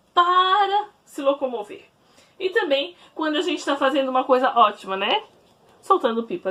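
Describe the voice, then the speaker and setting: A woman teacher giving a recorded class from home, explaining slowly to children and often checking in with "né?". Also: high voice, far from the mic. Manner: warm didactic, explaining slowly to children with frequent "né?". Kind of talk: recorded remote class lesson. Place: at home, in her bedroom.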